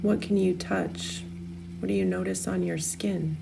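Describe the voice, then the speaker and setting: A woman leading a guided meditation, giving soothing, unhurried instructions with long pauses. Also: on the low side, steady tone, vocal fry, background noise.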